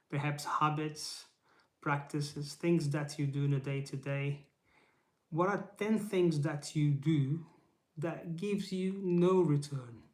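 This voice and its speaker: Recorded on a camera mic in a roomy space, a YouTube channel host delivers a casual live motivational talk in English, though Portuguese is his first language. His voice is on the high side and a little mellow. Earnest and encouraging, he keeps asking rhetorical questions and adding "right?".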